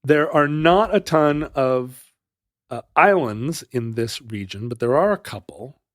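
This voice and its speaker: A man's voice: medium pitch, expressive, measured pace, fairly bright tone, no room sound, studio quality. A man co-hosting a podcast, telling a history story in a casual, playful way with joking asides. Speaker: podcast co-host.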